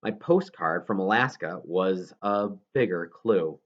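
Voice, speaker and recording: A man narrates a children's novel from a script, his low-pitched voice lively in intonation and a little slow, tripping over a word now and then. The audio lacks high frequencies.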